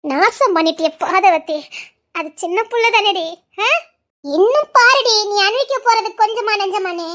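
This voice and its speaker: A woman's voice: extremely high pitch, normal speed. Woman playing a fierce scolding village mother. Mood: taunting. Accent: Tirunelveli Tamil. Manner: sharp, scolding, taunting. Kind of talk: dramatic serial acting.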